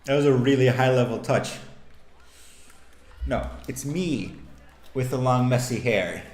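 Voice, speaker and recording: Man, tired sports commentator, easygoing, mid pitch, roomy echo. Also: measured pace, darkish tone. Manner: laid-back, repeats words as he thinks. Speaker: fencing video commentator.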